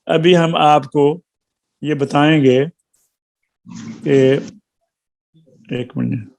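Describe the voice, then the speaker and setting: Patient, slightly high-voiced male recitation teacher. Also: steady tone, vocal fry. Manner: patient, explains step by step, drawn-out syllables, gentle teasing. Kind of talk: live classroom lesson.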